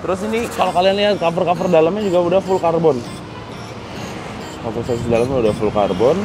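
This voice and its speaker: A young man hosting a casual motorcycle walkaround, excitable and slangy, talking outdoors in a garage courtyard on a lapel mic. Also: a little high, quick pace, background noise. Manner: excitable, slangy, thinking aloud. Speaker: motorcycle vlog host.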